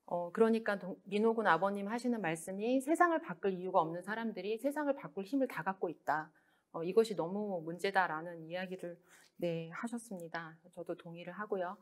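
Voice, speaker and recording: Giving a talk about her book, this woman author has a mid-range voice and a soft, measured delivery punctuated by frequent pauses and fillers.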